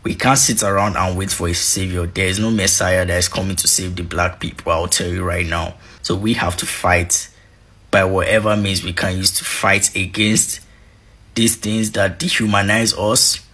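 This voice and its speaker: A man's voice: low voice, steady tone, normal speed, pushed and bright, slightly rough. A man giving an impassioned activist speech, fiery and exhorting, repeating his points for emphasis. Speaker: activist speaker.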